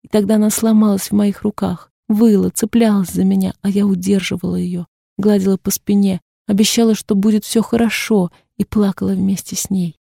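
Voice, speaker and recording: A woman's voice: medium pitch, little pitch movement, a little fast, vocal fry, dark tone, no room sound, clean studio sound. A woman reading a first-person novel aloud as an audiobook narrator, in a subdued, introspective way. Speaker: audiobook reader.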